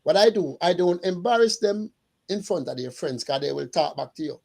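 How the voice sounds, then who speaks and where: Middle-aged guy telling animated stories, gravelly husky voice kinda high. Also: moderate pace. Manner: animated storyteller, acts out dialogue. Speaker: school custodian. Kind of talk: casual panel chat.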